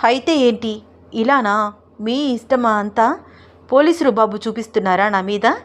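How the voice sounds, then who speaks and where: A woman's voice: fairly high pitch, moderate pace, lightly acted. A woman voicing a coy young wife who keeps making flustered, pleading protests in an audio story.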